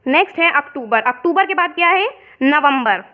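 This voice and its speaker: Woman teacher from India, explains step by step, high voice, muffled lo-fi audio. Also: animated, moderate pace. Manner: explains step by step, mixing in English words. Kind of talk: worksheet explanation lesson. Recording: dull lo-fi sound.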